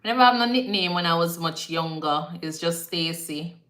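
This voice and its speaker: Jamaican woman, nurse-host type, low-pitched but bright and forceful delivery, chatty with bits of patois. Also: moderate pace. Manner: chatty, repeats herself, slips into patois phrasing. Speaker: nurse hosting a live Q&A. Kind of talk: casual live-stream chat answering viewer comments. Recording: echoey room.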